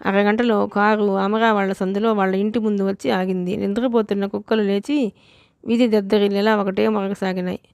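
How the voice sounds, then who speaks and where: A woman's voice: medium pitch, a little fast, vocal fry, clean tone, dry recording, clean studio sound. A woman reading a novel aloud as an audiobook narrator, telling the story steadily and voicing every part. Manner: steady storytelling, reads all parts.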